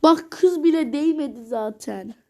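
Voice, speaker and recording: A woman records casual commentary over her own gameplay. Her voice sits high and her delivery is slow and drawn out. She sounds worn down and exasperated, and she keeps repeating the same words. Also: darkish tone. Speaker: gaming vlogger.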